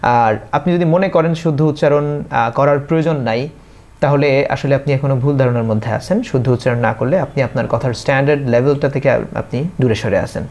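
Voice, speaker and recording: A man's voice: medium pitch, a little fast, a little mellow. A man from Bangladesh, teaching English pronunciation and repeating each word several times for his learners. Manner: addresses viewers as dear learners. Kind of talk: recorded pronunciation lecture.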